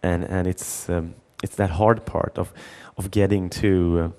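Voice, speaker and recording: Speaking at a measured pace with fairly even intonation, a middle-aged man at a conference tells a story in a low, warm voice. He acts out the dialogue and keeps restarting and repeating words.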